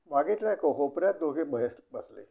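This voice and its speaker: An older man narrating a story in a steady, clear reading voice. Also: fairly high pitch, fairly quick. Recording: dull lo-fi recording.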